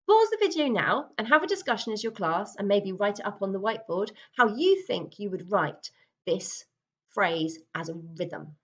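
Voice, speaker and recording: A woman's voice: medium pitch, sing-song, normal speed, reverberant, highs cut off. A woman music teacher giving a patient, encouraging recorder lesson, counting aloud and singing examples.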